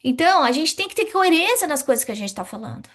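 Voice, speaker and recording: This middle-aged woman talks quickly in a voice that sits high as she teaches a spiritist study class. She keeps things lively by raising questions and supplying the answers herself.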